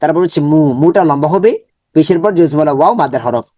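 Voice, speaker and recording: A man teaching Quran reading step by step, slowly breaking words into syllables, repeating each many times, and chanting the full words in drawn-out recitation. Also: on the high side, animated, mellow, no room sound, lo-fi sound.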